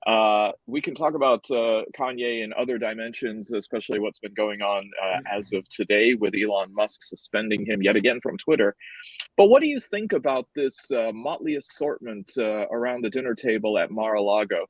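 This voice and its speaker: A man moderating a political panel as host, with wordy, halting phrasing. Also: on the low side, no room sound, low-quality recording.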